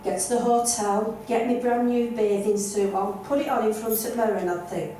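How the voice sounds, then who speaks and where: An older woman with a broad Lancashire accent works the room with blunt, self-deprecating humour. Her voice sits a little high and carries from a distance. The club sounds very echoey, with a steady murmur of audience noise underneath. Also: a little fast. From North West England. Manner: blunt, self-mocking, broad northern delivery. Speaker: stand-up comedian. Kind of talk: stand-up set. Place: comedy club stage.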